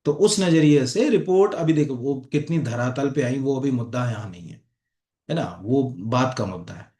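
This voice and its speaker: A man teaches an exam-prep lesson over on-screen slides in an academy classroom or studio, loosely conversational and often checking in with "okay?" and "right?", repeating fillers like "ठीक है" and "है ना". His mid-range voice is dark-toned and animated at a normal speed. The sound is reverberant.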